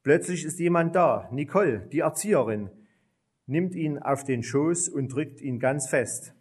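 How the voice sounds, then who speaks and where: Guy slowly reading a kids story, gentle voice. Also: on the high side, lively intonation, husky. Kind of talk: scripted narration of a children's story.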